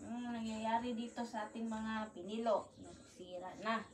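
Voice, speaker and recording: A woman's voice: fairly high pitch, fairly even intonation, moderate pace. A young woman vlogging at home as a mother, chatting casually to her phone camera and cooing baby talk to her infant. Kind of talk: casual vlog chat. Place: home indoors.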